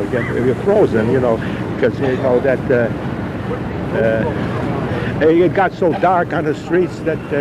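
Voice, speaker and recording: A man in his late sixties reminiscing in a rambling, halting, repetitive way, often saying "you know". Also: mid-range voice. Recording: noisy outdoor field recording.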